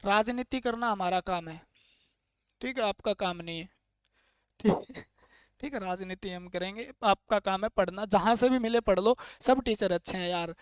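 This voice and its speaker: A man's voice: high voice, normal speed, clear, resonant tone, no echo, clean studio sound. A man from India teaching an online exam-prep lecture. He asks questions, answers them himself, and repeats key points in an earnest, coaxing way. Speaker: trade theory teacher.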